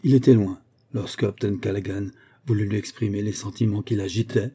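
A man reading an adventure story aloud in a measured, even storytelling manner. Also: fairly low pitch, slightly rough. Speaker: audiobook reader. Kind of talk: scripted narration.

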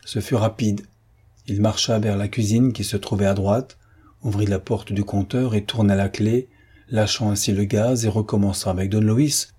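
A man narrates a classic novel in a steady, measured rhythm. His low voice is dark and mellow, with a husky, breathy edge. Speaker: audiobook narrator. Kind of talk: scripted narration.

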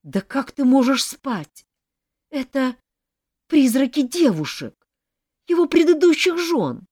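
A squeaky, jittery young woman who panics easily, played by a woman reading an audiobook. Her voice jumps high and lively, recorded dry and close. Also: slow pace, dry recording, full character voice. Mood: panicked. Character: timid, frightened young woman rival.

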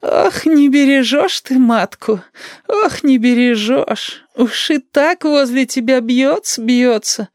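A man's voice: extremely high pitch, takes it slowly, dry recording, studio quality, voice pushed up, heavily acted. A man voicing a fretful, reproachful old grandmother who laments in a whiny sing-song. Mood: lamenting.

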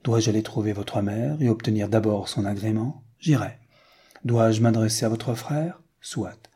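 A frank, earnest American suitor with a mellow, slightly husky voice, read by a man. He speaks plainly and insistently, in an audiobook reading. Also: fairly low pitch, a little slow. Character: rich American man seeking a bride.

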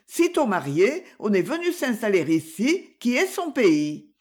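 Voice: mid-range voice, sing-song, unhurried, darkish tone, pitched above the performer's own voice. A reader voicing an uneasy woman shopkeeper, a former maid, who answers questions anxiously in an audiobook. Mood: explaining. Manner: anxious, pleading.

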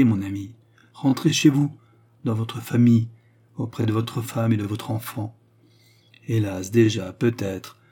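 A man's voice: medium pitch, warm tone, slightly rough. A man voicing a tearful young woman who pleads emotionally with her lover.

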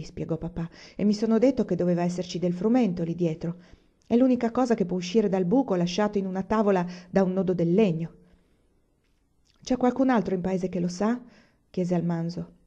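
A woman's voice: on the low side, dark tone, muffled recording. A woman reading a novel aloud, giving the characters' lines small shifts of voice and dropping her level on the narration tags. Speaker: reader.

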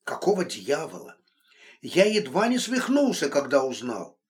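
A man's voice: fairly high pitch, wildly swooping pitch, measured pace. A man voicing a stern, worried man who scolds and comforts a friend brusquely. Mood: exasperated. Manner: brusque, exasperated.

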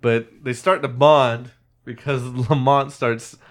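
A man chatting on a podcast, walking through a movie plot in a loose, casual way. He jumps into acted-out lines from the characters and laughs now and then. His voice sits right in an ordinary middle pitch. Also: takes it slowly. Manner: animated retelling with acted-out quotes; laughs often. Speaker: podcast host. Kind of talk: casual movie recap chat.

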